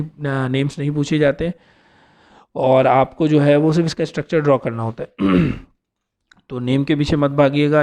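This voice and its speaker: A man's voice: on the high side, darkish tone. A man teaching an organic chemistry lesson, explaining step by step and often checking in with his students. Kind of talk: classroom lecture.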